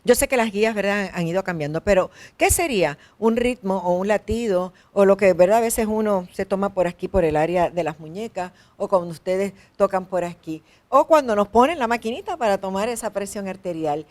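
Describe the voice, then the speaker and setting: A woman hosts a health talk at a mid-range pitch. She asks the doctor questions and restates his answers in plain words for the audience. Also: a little fast, few pauses. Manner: warm, rephrasing the guest's answers for listeners. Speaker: health show host.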